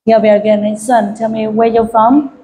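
A woman's voice: on the high side, level tone, normal speed, dark tone, slight background noise. A woman English teacher running an oral test in a classroom, asking short repeated questions and prompting the child.

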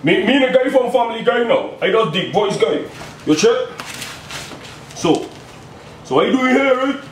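His voice is very high and animated at a normal pace as this home cook playfully chats through a recipe, punctuating lines with "you check?" Recorded from a distance on a camera mic, the small kitchen sounds roomy and carries a faint hiss or hum.

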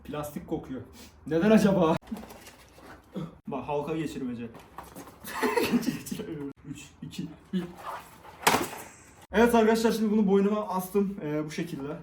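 A man's voice: high voice, animated, normal speed, pauses often, echoey room, background noise. Chatty young man unboxing. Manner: chatty, jokey, addresses viewers. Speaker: vlogger. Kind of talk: casual unboxing vlog.

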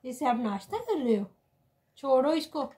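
A young mother vlogging at home, coaxing her babies in soft baby talk and calmly explaining their routine. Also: sits high, moderate pace, slightly rough. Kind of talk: casual home vlog. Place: at home, indoors and in a sunny yard.

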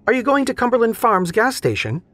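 A man voicing a calm, matter-of-fact young woman who hunts monsters. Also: very high-pitched, a little fast, no echo, pitched above the performer's own voice, full character voice.

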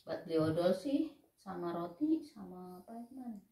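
Woman, casual home banter, plain-spoken, complaining, mid pitch, echoey room. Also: lively intonation, normal speed, mellow. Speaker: wife in a family vlog.

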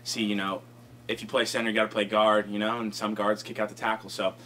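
Fast-talking young man at a press conference. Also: fairly low pitch, little pitch movement, bright, forceful tone, slight background noise. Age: young adult. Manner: fast, rambling, many fillers like "you know" and "um". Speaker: college football offensive lineman. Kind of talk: post-game press conference answers. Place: press conference room, indoors. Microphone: table microphone.

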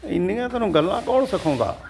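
A man's voice: high-pitched, sing-song, quick pace, creaky. Teasing older Punjabi man, faint noise. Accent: Indian Punjabi. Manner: teasing, repeats phrases to the child. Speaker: grandfather chatting with a small child. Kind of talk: casual home chat.

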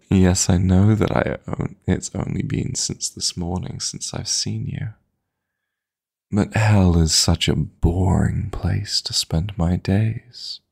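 A man performs intimate sleep-aid roleplay as a dream demon lover who is possessive and teasing, his low-pitched voice gravelly and breathy. He coaxes softly and deliberately with a steady tone in a heavily acted style. The mood is tender and flirty.

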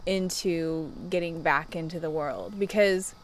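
A woman's voice: fairly low pitch, unhurried. A middle-aged woman talking casually and personally to camera like a self-help influencer, in a candid confessional chat. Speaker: self-help vlogger who gives coaching sessions. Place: outdoors on a wooden deck. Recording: clear outdoor background noise.

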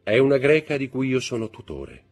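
A man's voice: mid-range voice, big pitch swings, a little fast, a little mellow, faint music behind, pitched above the performer's own voice. A man doing a poised, courteous rich count. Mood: courteous, gracious. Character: composed, mysterious rich count, courteous and controlled.

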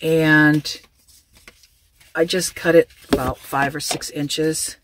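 A woman's voice: low-pitched, little pitch movement, slow, a little hiss or hum. A middle-aged woman vlogging from her car, casually showing and explaining her gear in a chatty, practical way with frequent ums and restarts. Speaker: van life vlogger. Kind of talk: casual show-and-tell demonstration. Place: inside a parked car.

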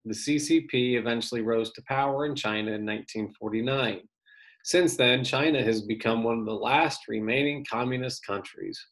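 A male teacher reading an article aloud to his students for an online lesson, steady and plain with brief casual asides. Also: mid-range voice, moderate pace.

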